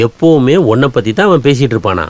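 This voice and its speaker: An actor playing a wealthy middle-aged father, speaking in a calm, placating way in a film scene. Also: mid-range voice, fast talker, dry recording, natural voice. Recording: film soundtrack with music. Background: film score.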